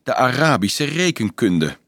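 Man reading as a teasing young male student, mid-pitched, dry close sound; storybook role. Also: big pitch swings, a little slow, vocal fry, a bit bright, no echo, full character voice. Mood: wry. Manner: light, teasing, evasive.

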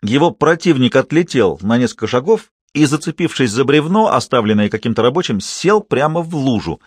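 A man narrating an audiobook in a measured, even storytelling manner. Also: medium pitch, slightly rough, no echo, studio quality. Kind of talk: scripted narration.

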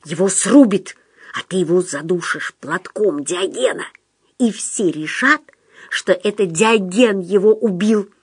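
A woman voicing a manipulative male psychiatric patient who talks in a low, insistent, conspiratorial way. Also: unhurried, slightly rough, no echo. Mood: scheming.

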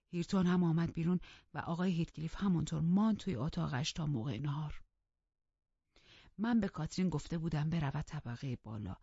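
A woman narrating an audiobook in a steady storytelling manner, in a dull lo-fi recording. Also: sits low, gravelly, breathy edge, no echo. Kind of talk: scripted narration.

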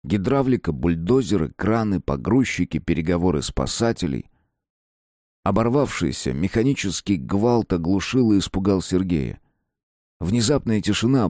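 A man reading a story aloud in an expressive, dramatic narration. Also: lowish voice, dry recording, clean studio sound. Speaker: audiobook narrator. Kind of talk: scripted narration.

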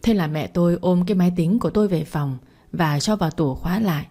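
Low mellow woman narrating a story. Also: fast. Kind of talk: first-person story narration.

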